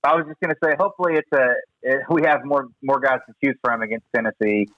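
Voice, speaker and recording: A man from Arkansas, co-hosting a sports podcast and talking through sports history in a relaxed way. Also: mid-range voice, fast, dry recording. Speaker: podcast co-host. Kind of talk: casual sports podcast chat. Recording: dull, dry, lo-fi sound.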